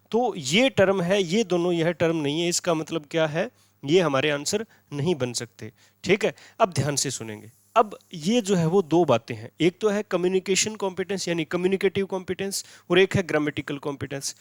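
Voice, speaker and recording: A man with an Indian accent teaching an exam-prep lesson, repeating key words as questions and answering them himself, and reading English quiz text slowly. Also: fairly high pitch, no echo. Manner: switches into slow, deliberate English when reading questions.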